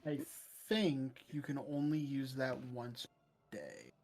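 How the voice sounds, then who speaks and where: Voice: medium pitch, very animated, slow pace, a little mellow. Game master, faint music behind. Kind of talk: running a tabletop game, casual.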